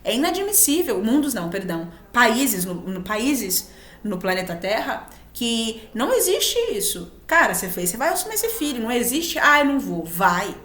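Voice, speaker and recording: Animated Brazilian woman teaching in a roomy space. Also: a little high, normal speed. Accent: Brazilian Portuguese. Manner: emphatic, acts out short quoted exchanges. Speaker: spiritual speaker. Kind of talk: spiritual teaching talk.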